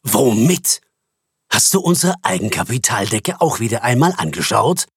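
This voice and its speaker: A harsh, irritable bank boss, voiced by a man who snaps out curt, scornful remarks. His voice is husky, and its pitch moves lively. The recording is dry and close. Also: normal speed, no room sound, exaggerated voice.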